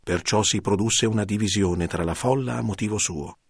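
A man narrating a scripted Bible reading in a steady, even way. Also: fairly low pitch, normal speed, vocal fry, breathy edge, dry recording, studio quality.

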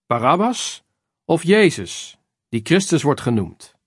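A man's voice: on the high side, big pitch swings, slow pace, breathy edge, no echo, clean studio sound, voice pushed up, exaggerated voice. A man reading as an earnest Roman governor. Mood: questioning. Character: Roman governor pleading with a hostile crowd.

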